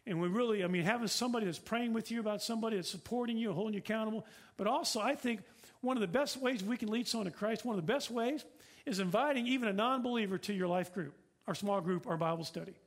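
A man's voice: sits high, fast. A middle-aged man preaching a sermon as pastor, earnest and repetitive, with rhetorical questions.

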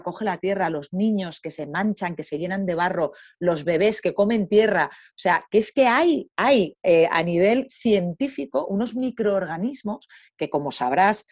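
A woman talking in an interview, a lively storyteller who acts out the voices of others. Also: medium pitch, no room sound, studio quality. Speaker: guest. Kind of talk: conversational interview.

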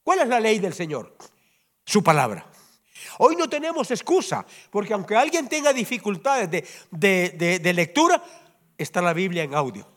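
A pastor preaching a sermon to his congregation in church, animated and often asking them to agree. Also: high-pitched, moderate pace. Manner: animated preaching, constantly asks the congregation "¿verdad?". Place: church service before a congregation.

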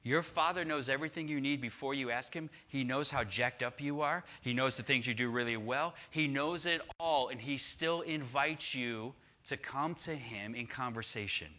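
A man's voice: mid-range voice, normal speed, hardly any pauses, pushed and bright. A man preaching a sermon on prayer, emphatic and repetitive, building to fervent crescendos. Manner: emphatic, repeats phrases, rising to fervent crescendos. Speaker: pastor.

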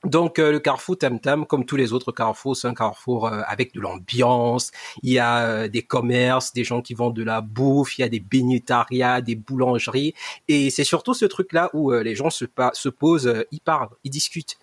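A man's voice: medium pitch, normal speed, no echo, studio quality. A man in his twenties from Cameroon, co-hosting a podcast and explaining things thoughtfully with many fillers. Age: 20s. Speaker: podcast co-host. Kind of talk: casual podcast chat. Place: Germany.

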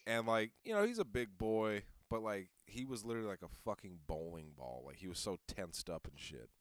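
A man's voice: fairly low pitch, very animated, fairly quick, dry recording. A man casually co-hosting a podcast, rambling and teasing with plenty of swearing. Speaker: podcast co-host. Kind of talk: casual chat.

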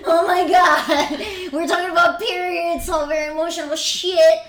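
A woman's voice: very high-pitched, steady tone, moderate pace, fairly bright tone. A woman from Venezuela co-hosting a podcast in casual chat, playful and swearing often, laughing and repeating words. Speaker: podcast co-host.

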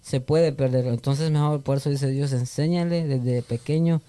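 A man on a church podcast who explains scripture and affirms others with quick agreeing interjections. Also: mid-range voice, steady tone, warm tone. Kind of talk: casual church podcast talk.

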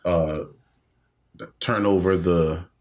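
A man's voice: low-pitched, steady tone, drawn-out words, a little mellow. A man in casual podcast chat, blunt and profane.

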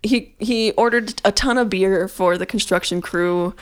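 A woman's voice: mid-range voice, measured pace. A woman co-hosting a casual podcast chat with friends, laughing often as she talks. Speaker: podcast co-host.

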